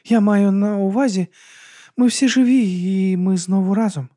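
A man doing a drunk, dreamy young woman, pitched up high and loud for a storybook reading. She sounds earnest and a little lost. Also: fairly even intonation, normal speed. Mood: bewildered.

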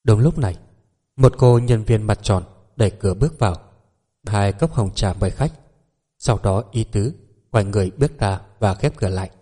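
Male audiobook narrator, low and mellow, steady and even delivery. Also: moderate pace, breathy edge. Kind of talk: scripted narration.

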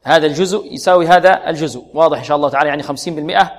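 A man teaching Quran recitation, slowly drilling pronunciation syllable by syllable and quizzing his students. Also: on the high side. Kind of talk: tajweed lesson. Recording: long reverb, echoey hall.

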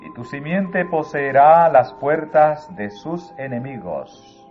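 A man voicing God as he swears a blessing in a slow, solemn way. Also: fairly high pitch, lively intonation, darkish tone. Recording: phone-like narrow sound, faint music.

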